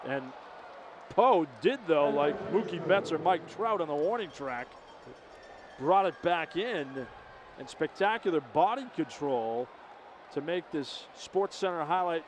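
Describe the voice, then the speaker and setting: A man analyzing arena football plays as a color commentator, measured and explanatory. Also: on the high side, lively intonation, a little hiss or hum. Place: indoor arena broadcast booth.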